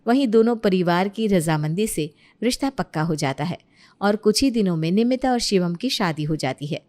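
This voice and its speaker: A woman narrating a cartoon story in an even, scripted storytelling manner. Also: lowish voice, normal speed.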